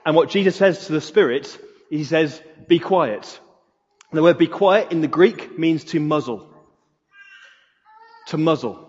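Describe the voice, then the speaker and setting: A man's voice: fairly high pitch, moderate pace, pauses often, darkish tone, slightly rough. A man preaching a sermon in an earnest way, repeating key phrases for emphasis. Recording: reverberant hall, dull lo-fi sound.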